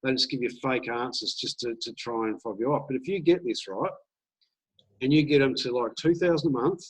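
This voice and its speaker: A man coaching a group on sales calls in a casual, animated training talk, acting out sample dialogue. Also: medium pitch, fairly quick, slightly rough, rough recording. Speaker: business coach.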